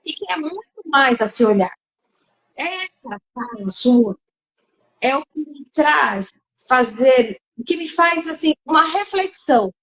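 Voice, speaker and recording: A woman hosting a live discussion, speaking reflectively and pausing to search for her words. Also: high voice, expressive, a bit bright, low-quality recording.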